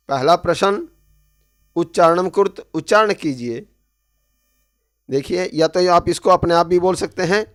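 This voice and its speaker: A male teacher going through a textbook lesson phrase by phrase. His voice sits high and he takes his time, reading a line and then explaining it plainly. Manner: calls out drill words loudly one by one.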